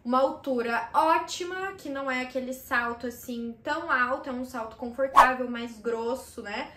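A woman's voice: sits high, moderate pace, very noisy. A young woman, chatting enthusiastically about thrift finds in a casual vlog, full of fillers and asides. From Brazil. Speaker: vlogger showing thrift finds. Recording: roomy echo in a small room.

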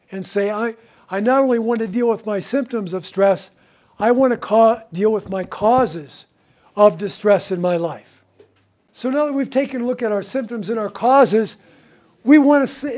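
An older man, a counselor, teaching a recovery class to a group, animated and gesturing, often asking tag questions. He is in a room with a whiteboard, filmed at medium distance. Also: very high-pitched.

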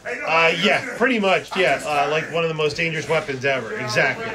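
Male ringside announcer, high register, exclamatory and slangy live wrestling call over clear crowd noise. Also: brisk. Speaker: wrestling commentator. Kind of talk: excited live play-by-play wrestling commentary.

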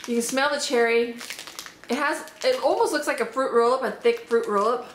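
In a roomy, echoing space with a little background noise, an upbeat female unboxing vlogger casually reviews snacks she's tasting. She thinks aloud in a chatty way at normal speed, her higher-pitched voice a touch hoarse.

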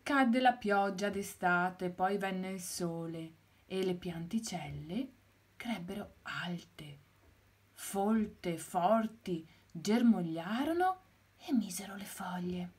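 A woman teacher reading a storybook aloud to children, expressive and with soft whispered asides. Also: mid-range voice, takes it slowly. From Italy.

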